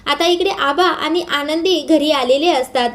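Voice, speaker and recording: A woman narrating an episode recap, telling it in a steady storytelling way. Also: high-pitched, measured pace. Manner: steady storytelling, starts lines with "now".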